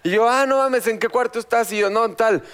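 A man's voice: very high voice, fairly quick, a bit bright, smooth. A man with a Mexican accent telling a crude anecdote in casual, profane chat. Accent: Mexican Spanish. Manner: storytelling, profane. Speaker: podcast co-host.

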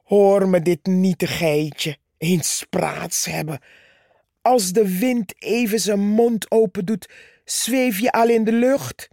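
A woman's voice: medium pitch, slow pace, dark tone, no room sound, studio quality. A woman voicing a haughty, boastful male tree who talks down to others, in a storybook reading. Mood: scornful. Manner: condescending, scornful.

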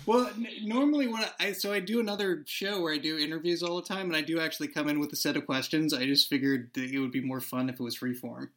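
A writer and podcast creator talks in a reflective, conversational discussion, earnest and a little halting as he works through his thoughts. His voice is a little high and a bit bright, with fairly even intonation.

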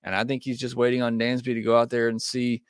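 A man's voice: medium pitch, monotone, quick pace, smooth, dry recording, clean studio sound. A man hosting a baseball podcast, giving casual, opinionated takes with frequent fillers. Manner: conversational, opinionated, many fillers. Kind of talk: casual sports talk.

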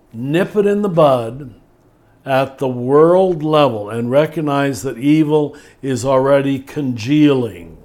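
Measured older man teaching on a podcast. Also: mid-range voice, darkish tone. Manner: thoughtful, measured, slows down to stress key words. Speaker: spiritual teacher in conversation. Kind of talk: reflective podcast conversation.

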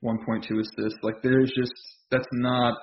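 A man co-hosting a podcast, talking basketball casually with lots of pauses and restarts. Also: mid-range voice, level tone, lo-fi sound. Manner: hesitant, many fillers and restarts. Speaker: podcast co-host.

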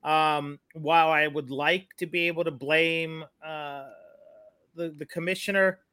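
A man giving conversational sports commentary as a podcast analyst, explaining his opinions in a measured way. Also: fairly high pitch, steady tone, bright, forceful tone, clean tone, no echo, studio quality.

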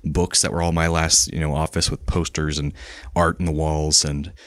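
A man's voice: extremely low pitch, little pitch movement, normal speed, clean tone, no room sound, clean studio sound. A man co-hosting a podcast, chatting and telling stories with easy laughs. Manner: chatty storytelling, laughs easily. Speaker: podcast co-host. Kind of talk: casual chat. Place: small office recording booth.

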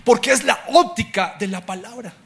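A middle-aged man preaching a sermon as a pastor, telling stories and swinging from loud declarations to hushed asides. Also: high voice, moderate pace.

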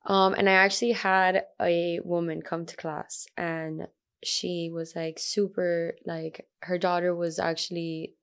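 A woman's voice: fairly low pitch, level tone, measured pace, a bit bright, clear, resonant tone. A young adult woman, a sound healer guest, telling a story in casual chat, full of fillers and quoted asides.

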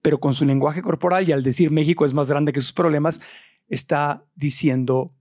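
A Mexican man hosting a podcast, chatting with a guest and adding quick asides. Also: fairly high pitch, steady tone, a little mellow, dry recording, studio quality. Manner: quick asides, reads the ad plainly. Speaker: podcast host. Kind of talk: podcast conversation.

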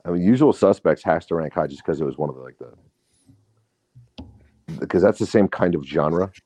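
A man with an extremely deep voice comes through muffled and bass-heavy, his phone resting on a pillow. The sound is dry and closed in, with the highs smothered. He talks bluntly and swears freely in a loose movie chat. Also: expressive, brisk, mellow, dry recording. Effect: muffled, bass-heavy sound from a phone mic buried in a pillow. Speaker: podcast co-host. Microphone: phone charging on a pillow.

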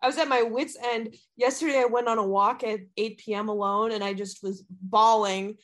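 A woman's voice: a little high, steady tone, moderate pace, a bit bright. A woman in her early twenties from the US Midwest, co-hosting a casual, slangy podcast over a computer video call. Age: early 20s. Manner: giggly, profane, slangy. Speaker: podcast co-host.

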